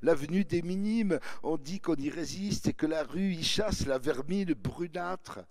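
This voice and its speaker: A man's voice: fairly high pitch, measured pace, close to an everyday voice. A man putting on an eager, gushing young woman. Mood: pleading, effusive. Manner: breathless, pleading, effusive.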